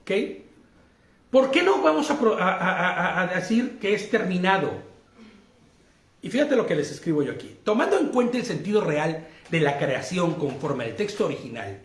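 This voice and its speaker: A Mexican man with a high-pitched voice leads a Bible study. He keeps asking his listeners questions and laughs easily as he explains. The sound carries a roomy echo. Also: very animated, moderate pace. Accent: Mexican Spanish. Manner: laughs easily while teaching. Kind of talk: interactive Bible study lesson.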